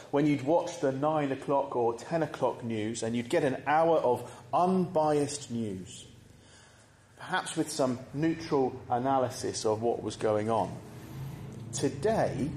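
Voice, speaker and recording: A man preaching a sermon in a church, measured and conversational, pausing to pose reflective questions to the congregation. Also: medium pitch, a little mellow, a little hiss or hum. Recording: echoey church room.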